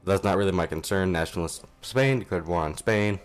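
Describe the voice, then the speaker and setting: A man's voice: sits low, fairly quick, clear, resonant tone. A young man giving casual, rambling let's play commentary at home, offhand and self-deprecating, on a modest mic. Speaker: gaming channel host.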